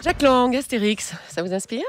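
A man's voice: extremely high pitch, expressive, a little fast, a little hiss or hum. A man voicing a prim female TV presenter who makes breezy introductions, in a comedy impression sketch.

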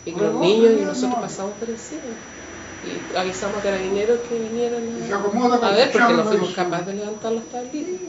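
A woman's voice: medium pitch, a little fast, a crowd in the background. A Chilean woman giving a personal testimony in an interview, telling her story with feeling and acting out the voices of the people in it. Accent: Chilean Spanish. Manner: emotional, vivid storytelling that acts out the voices of others. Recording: roomy, distant mic, muffled, with steady background noise.

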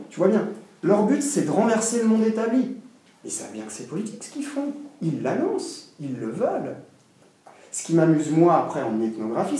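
A man with a fairly high, mellow, soft-edged voice lectures to a seminar in a swinging, animated style, restarting sentences and tossing in emphatic asides. He's recorded from a distance in a very echoey room.

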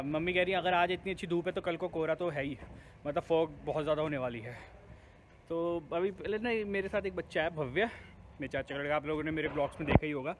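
A man's voice: a little high, slight background noise. A young man chatting casually to his viewers in a vlog, talking straight to the camera and teasing the people around him. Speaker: vlogger.

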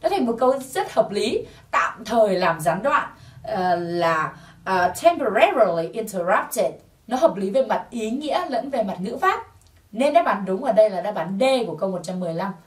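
A woman's voice: mid-range voice, big pitch swings, normal speed, far from the mic. A woman teaching a TOEIC English lesson, patiently explaining answers and drilling pronunciation through repetition. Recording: roomy sound from off-mic.

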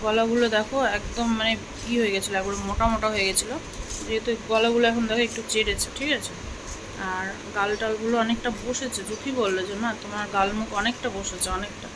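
A woman from Bengal talks to her viewers while she does chores around the house, in a casual, chatty way. Her voice sits a little high. It is recorded on a phone indoors, with a steady hum running behind her. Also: quick pace. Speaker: vlogger. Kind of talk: casual home vlog chat. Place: home, indoors.

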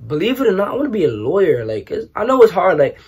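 A young man from New York, raised partly in Trinidad, answering questions in a casual vlog, animated and joking with lots of slang. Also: high-pitched, fast talker, slightly rough. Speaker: YouTuber. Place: small bedroom, indoors.

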